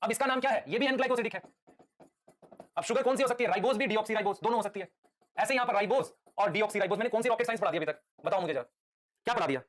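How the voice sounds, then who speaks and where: Fast-talking male teacher quizzing students. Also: high-pitched, fairly bright tone. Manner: quizzes students with rapid repeated questions; patient, calls students "beta". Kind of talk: live online lecture.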